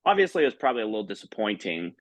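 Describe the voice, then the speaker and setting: A man's voice: fairly low pitch, sing-song, racing, no echo. A man hosting an interview, chatty and upbeat. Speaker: host. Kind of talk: casual interview.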